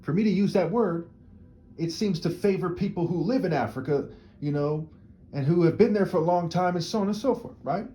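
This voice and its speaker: A brisk, mellow, high-pitched man speaks as a video commentator in a solo to-camera monologue. He's opinionated and rambling, tags points with frequent "right?", and restarts sentences by repeating words.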